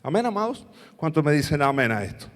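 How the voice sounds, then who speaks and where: A man's voice: a little high, very animated, quick pace, long reverb tail. A man with an Argentine accent, preaching a sermon as pastor and asking the congregation to answer back. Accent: Argentine Spanish. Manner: preaching with call-and-response questions to the congregation. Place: church hall.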